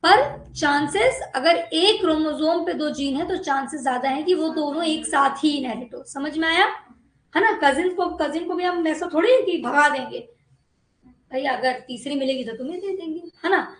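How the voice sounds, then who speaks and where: Female biology teacher with a high voice, lecturing in an echoey room. Coaxing, keeps checking that the class follows. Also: moderate pace, slight background noise. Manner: coaxing, repeatedly checks understanding.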